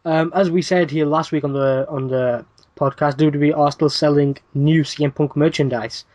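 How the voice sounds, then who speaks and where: A man's voice: a little high, steady tone, normal speed, a little mellow, no echo. A man hosting a wrestling podcast, reading news items in a casual rundown with dry asides and plenty of "uh" fillers.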